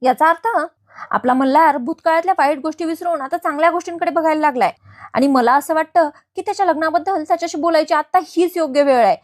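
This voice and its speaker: A woman's voice: sits high, quick pace, lightly acted. A woman voicing a middle-aged aunt who talks earnestly and coaxingly.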